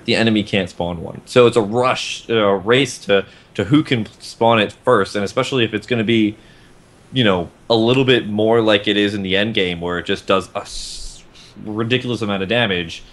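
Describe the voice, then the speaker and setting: A man's voice: lowish voice, a little fast. A man co-hosting a casual gaming podcast, talking in a rambling way and often restarting his sentences. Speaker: podcast co-host.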